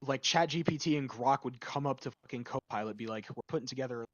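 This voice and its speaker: A young adult man chatting casually on a stream, rambling and swearing, breaking into loud rants. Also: mid-range voice, fast, no room sound, highs cut off. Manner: rambling, profane, bursts of loud ranting. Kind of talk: casual chat.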